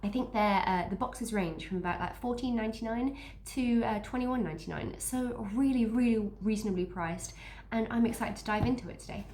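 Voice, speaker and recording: Her voice is fairly high and a little fast, with few pauses and a darkish tone, and her nose is stuffy from a cold. She chats upbeat through a book box unboxing, reading the blurbs aloud and often restarting sentences. The room is echoey with faint noise.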